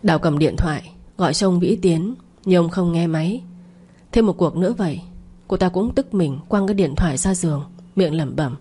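A woman narrates an audio drama story with an even, steady delivery. Her voice sits low and mellow, with a husky grain. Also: normal speed.

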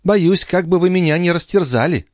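A man's voice: high voice, moderate pace, no room sound, studio quality, pitched above the performer's own voice, close to an everyday voice. A man reading an audiobook, voicing a sensible, lightly mocking female companion. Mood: teasing. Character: grown woman, the countess's teasing, sensible companion.

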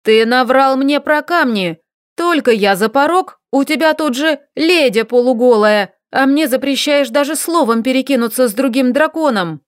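A woman playing a fiery young heroine from a fantasy audiobook, raised high and loud with indignation. She hurls her accusations in a bright, lifted voice, recorded close and dry. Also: very animated, takes it slowly, no room sound, exaggerated voice. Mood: furious. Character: furious young woman scolding her lover.

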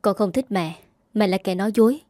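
A hurt, sulky little boy in a spoken story, pleading and accusing, as a woman reads his lines. His lines come in a warm, mellow tone. The recording is dry. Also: mid-range voice, a little fast, no room sound, lightly acted.

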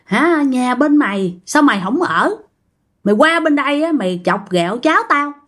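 A woman's voice: sits high, expressive, normal speed, a bit bright, voice pushed up. A woman voicing a fierce older grandmother who curses coarsely and angrily at a ghost in a spoken story. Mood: furious. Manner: coarse angry cursing.

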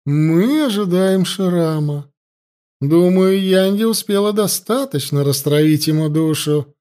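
A man putting on a cruel mocking high priestess. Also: measured pace, mellow, smooth. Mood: gloating. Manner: mocking, cold and commanding. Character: cruel scheming older female high priestess.

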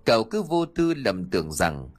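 A man narrating an audiobook in an expressive storytelling manner. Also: lowish voice, normal speed.

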